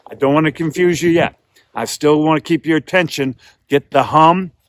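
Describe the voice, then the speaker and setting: A man's voice: a little high, normal speed. A man giving a hands-on beginner tutorial as a calling instructor, explaining patiently and repeating himself as he demonstrates.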